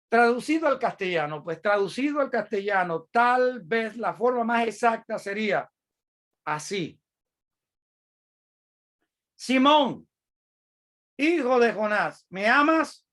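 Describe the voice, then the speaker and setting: A preacher giving a sermon, explaining a scripture passage in a deliberate teaching manner with repeated phrases. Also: medium pitch, fairly bright tone. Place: church.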